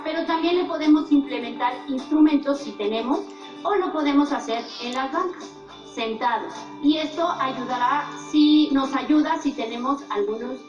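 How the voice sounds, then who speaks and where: High-voiced woman teaching rhythm, echoey. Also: normal speed. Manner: counts beats aloud with claps. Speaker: music teacher. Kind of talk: classroom demonstration. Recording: echoey room from a distance, dull sound, music behind.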